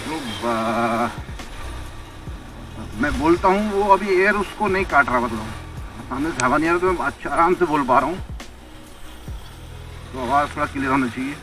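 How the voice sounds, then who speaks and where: A man speaking from inside a motorcycle helmet while out on his bike, talking in a relaxed way and thinking aloud, picked up by an action camera in a waterproof case outside the helmet. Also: on the high side, normal speed, pauses often, over music, poor audio. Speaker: motorcycle vlogger. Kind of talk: casual talk while riding. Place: outdoors on a motorbike by a road with trucks.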